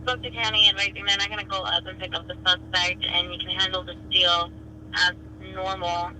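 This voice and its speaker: A man's voice: high voice, little pitch movement, fairly quick, pushed and bright. A man working as a police dispatcher, heard over police radio, giving clipped radio codes. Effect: police radio transmission. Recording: noisy scanner radio audio.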